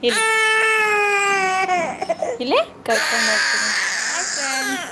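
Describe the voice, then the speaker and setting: A woman's voice: a little high, sing-song, slow. Sing-song young mother. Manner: coaxing, sing-song baby talk to a fussing child. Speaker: mother vlogging live. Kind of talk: casual live vlog while minding a toddler. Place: outdoors at a house under construction. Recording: loud outdoor noise, animals. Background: child crying, animals, work noise.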